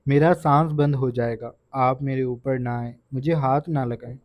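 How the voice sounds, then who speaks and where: A man's voice: mid-range voice, fairly even intonation, no echo, natural voice. A man voicing a sobbing, terrified young wife. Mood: sobbing plea. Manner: soft, broken pleading with stammered repeats. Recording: dull, dry lo-fi recording.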